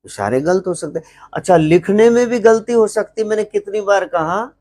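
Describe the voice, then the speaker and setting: Speaking in a Punjabi accent, a man teaches English to a live audience in a loose, joking manner. His voice sits high, and he poses questions to the class, answers them himself, and slows way down to spell out English phrases.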